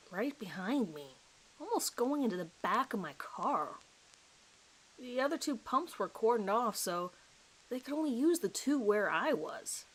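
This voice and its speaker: A woman with a higher voice acts out a nervous man in his thirties, a suspect giving his account in a dramatized police interview. He's hesitant and apologetic, rambling while trying to recall details. The audio quality is poor.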